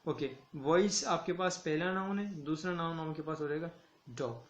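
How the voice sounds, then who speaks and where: Male schoolteacher, fairly high voice, slow deliberate drilling of words; echoey room. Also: highs cut off. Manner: slow, deliberate word-by-word reading and repetition. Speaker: school English teacher. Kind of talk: online classroom lesson.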